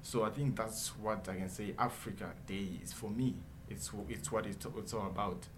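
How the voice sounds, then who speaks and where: A man's voice: lowish voice, fairly even intonation, moderate pace, slight background noise. A man, a guest in a radio studio interview who speaks earnestly and keeps checking in with "all right?". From Zimbabwe. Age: 20s. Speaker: guest entrepreneur.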